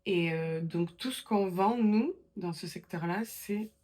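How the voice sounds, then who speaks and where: Femme bavarde à la voix un peu grave. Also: female voice, lowish voice, measured pace, darkish tone. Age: 20s. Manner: chatty storytelling, many fillers and restarts. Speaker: guest. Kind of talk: casual interview chat.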